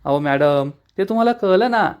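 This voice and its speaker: A man's voice: sits high, expressive, normal speed, clean tone. A man voicing a sheepish young husband pleading and making excuses after being caught lying.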